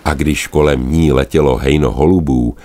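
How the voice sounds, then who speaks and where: A man narrating a children's animal story in a gentle, expressive manner. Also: a bass voice, a little hiss or hum.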